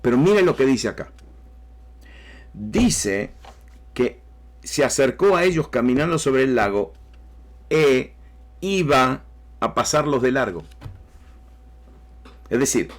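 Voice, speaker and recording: A man preaching a sermon emphatically, with rising bursts and repeated phrases. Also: mid-range voice. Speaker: pastor.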